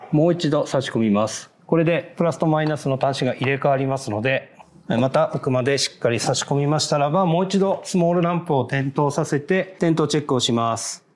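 A man giving a polite, measured, step-by-step how-to narration on fitting car parts, marking each step with a short "hai". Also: a little high, a little mellow. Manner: polite, measured, repeats "hai" between steps. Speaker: product installation instructor.

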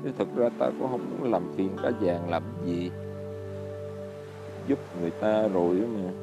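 A man's voice: low-pitched, normal speed, vocal fry, over loud music. An actor playing a poor, good-natured old fisherman who talks meekly and hesitantly with frequent chuckles. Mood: rueful.

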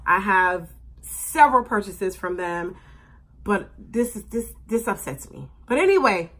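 Exasperated woman vlogger, lively husky voice. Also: medium pitch, a little slow. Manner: exasperated, animated, laughing through complaints. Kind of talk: casual product review rant.

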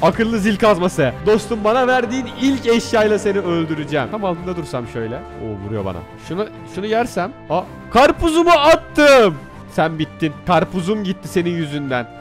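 A man commentating his own Minecraft gameplay, excitable, muttering one moment and yelling the next. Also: high voice, brisk, faint music behind. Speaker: gaming YouTuber. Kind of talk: Minecraft let's play commentary.

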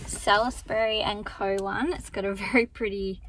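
A woman, chatting casually to camera as a lifestyle vlogger, relaxed and friendly. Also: medium pitch, moderate pace, heavy background noise. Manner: chatty and relaxed, talks straight to viewers. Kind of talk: casual vlog chat to camera. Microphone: handheld camera at arm's length.

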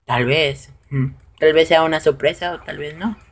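Excitable man narrating his gameplay. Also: normal speed. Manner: excitable, bursts into high shouts when losing. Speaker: gameplay commentator. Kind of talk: casual live gameplay commentary.

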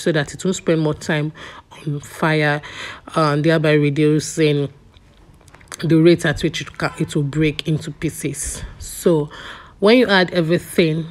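Low-voiced woman, chatty cook. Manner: chatty, relaxed, with small laughs. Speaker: cooking vlogger. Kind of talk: cooking voice-over.

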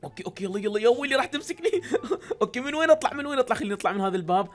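A woman with an Iraqi Arabic accent hosting excited game commentary, with shouty exclamations. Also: on the high side, racing. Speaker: gaming channel host.

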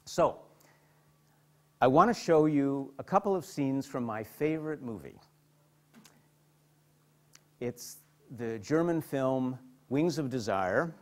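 A man's voice: medium pitch, lively intonation, slow pace, pauses often, darkish tone. A middle-aged man, a psychotherapist, lecturing to an audience and telling stories animatedly, often repeating and restarting words. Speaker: psychotherapist giving a hospital lecture.

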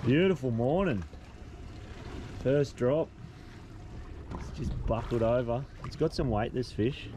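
Excitable Australian man on a fishing boat. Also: mid-range voice, slow pace, pauses often. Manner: loud, excitable, swears casually. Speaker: fishing vlogger. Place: outdoors on a boat at sea. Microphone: action camera. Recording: outdoor boat noise. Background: wind, water and boat engine.

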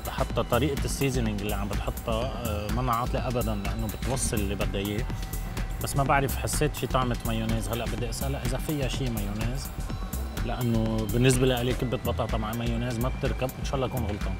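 Lebanese man, very fast, low; technical judge over loud music. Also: fairly even intonation. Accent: Lebanese Arabic. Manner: rapid, detailed technical feedback. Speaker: cooking competition judge. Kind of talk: casual critique. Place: bright indoor TV studio set.

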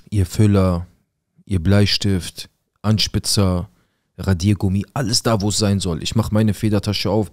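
A man's voice: low-pitched, a little mellow, dry recording, clean studio sound. A man narrating a viewer's life story in the first person, in a casual, colloquial way that speaks straight to his viewers.

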